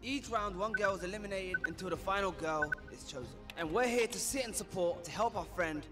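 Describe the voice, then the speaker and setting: A man's voice: sits high, a little fast, music in the background. A man narrating the rules of a dating show in an upbeat announcing tone, heard as played-back show audio.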